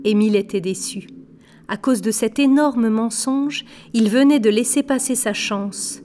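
A woman reads a storybook aloud at an unhurried pace. Her voice sits somewhat high, and she gives the characters light touches of voice without leaving her narrating tone. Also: warm tone. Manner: slow, measured reading with light character voices. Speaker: audiobook narrator. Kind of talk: scripted narration.

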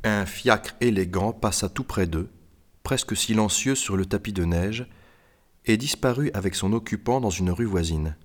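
A man narrating a storybook expressively, swinging high for the characters' lines. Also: normal speed. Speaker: audiobook narrator. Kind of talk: scripted narration. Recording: reverberant room.

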